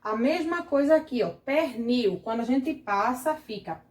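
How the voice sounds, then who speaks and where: A woman's voice: on the high side, animated, unhurried, darkish tone, reverberant. A woman teacher with a Brazilian Portuguese accent giving a grammar lesson to children, patiently asking questions and checking that the class follows.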